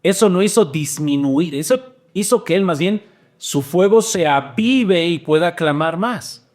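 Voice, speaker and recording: A man preaching a sermon as pastor, animated, with wide swings in pitch and loudness. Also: a little slow.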